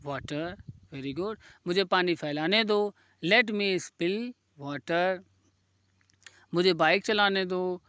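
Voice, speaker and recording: A man teaching English grammar, dictating example sentences slowly and explaining in quicker bursts. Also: high-pitched, a bit bright, smooth, dry recording. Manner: slow, drawn-out dictation of example sentences, brisk explanations in between. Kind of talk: spoken English lesson.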